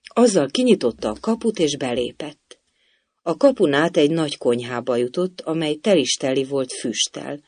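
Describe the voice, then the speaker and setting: A man's voice: fairly high pitch, lively intonation, a little mellow, husky, dry recording. Man reading a storybook aloud. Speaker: audiobook narrator. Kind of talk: storybook narration.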